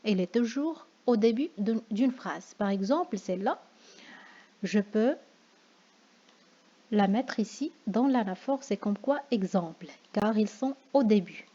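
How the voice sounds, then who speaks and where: With a medium-pitched, dark voice and lively intonation, a Moroccan-accented French teacher speaks a little slowly. Her classroom lesson covers figures of speech, and she frequently checks in with "d'accord?"; the sound is dull and lo-fi.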